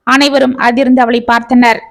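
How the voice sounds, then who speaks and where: High-voiced woman reading a family drama. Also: level tone, fairly quick, vocal fry. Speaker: storyteller. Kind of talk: scripted story narration.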